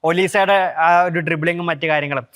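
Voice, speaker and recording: A man joins a casual football panel, his voice high and his pace quick. He states his views firmly and circles back over the same phrases to drive them home. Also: steady tone, fairly bright tone, clean tone. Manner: opinionated, argues his view with repeated phrases.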